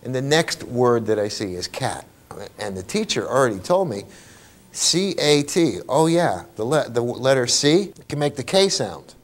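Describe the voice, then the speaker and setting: A man giving a lively workshop talk to teachers, asking rhetorical questions and checking in with the room. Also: a little high. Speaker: teacher trainer.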